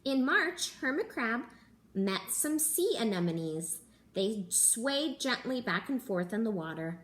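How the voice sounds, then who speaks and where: A young woman, a teacher, reading a picture book aloud to children at home in a gentle, animated storytelling manner. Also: a little high, slow. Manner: gentle, animated storytelling with gasps and character voices. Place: living room at home.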